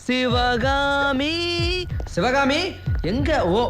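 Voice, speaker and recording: An actor playing a cheerful young village man back home, greeting family and friends in a warm, teasing way. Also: extremely high pitch, steady tone, very slow, music in the background, full character voice. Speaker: lead character. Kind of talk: film drama acting.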